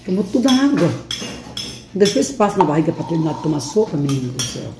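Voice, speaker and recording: A woman's voice: low voice, big pitch swings, fast talker, echoey room. A woman chatting casually with a small child at home in a playful, teasing way. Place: indoor home kitchen at a table. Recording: noisy home kitchen, clinking dishes. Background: clattering cutlery and dishes.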